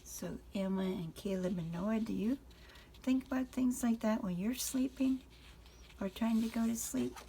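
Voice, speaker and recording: An older woman, a grandmother, reads a children's picture book aloud at an unhurried pace, pausing to speak to the children. Her fairly high voice is creaky and warm in tone, with a little hiss or hum.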